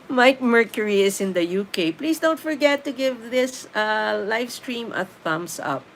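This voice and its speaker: Animated and fairly high-pitched, a middle-aged Filipino woman speaks without hurry while hosting a relaxed live stream, reading viewer comments out loud and laughing easily in reply. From the Philippines, she has a Filipino accent and Tagalog is her first language; the low-quality recording carries slight background noise.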